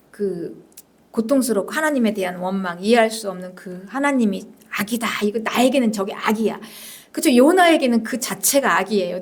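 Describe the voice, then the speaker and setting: High-voiced woman pastor preaching. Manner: emphatic, repeats phrases, drops to whispers at times; addresses the congregation directly with questions. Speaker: senior pastor. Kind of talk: sermon.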